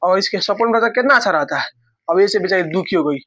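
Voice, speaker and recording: A man teaches his class, retelling a story and checking it with repeated questions. His voice sits high for a man. The recording is dull and dry, with no room sound. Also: animated, quick pace, fairly bright tone, no echo. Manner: repetitive, asks the class questions, dialect words.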